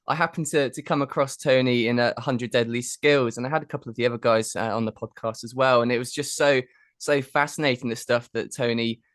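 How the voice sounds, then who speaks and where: Male podcast host, mid-pitched, eager, repeats himself, dry close sound. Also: fairly even intonation, brisk, fairly bright tone, no room sound. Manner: enthusiastic, repeats words. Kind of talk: podcast interview.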